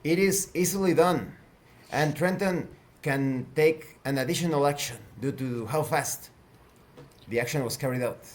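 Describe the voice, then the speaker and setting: A man narrating as game master of a tabletop game, measured and a little halting. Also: on the high side.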